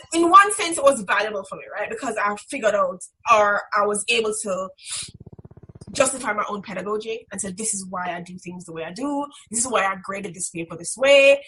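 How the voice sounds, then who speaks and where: Speaking emphatically and candidly, a young interviewee from the Caribbean islands reflects in a strident manner; she is a graduate student instructor. Her medium-pitched voice sounds pushed and bright. It's a low-quality recording with background noise and clicks.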